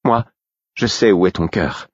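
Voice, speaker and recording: A man's voice: low-pitched, normal speed, slightly rough, no room sound. A man reading an audiobook, voicing a proud young woman who answers in curt, cutting replies. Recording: dull, dry recording.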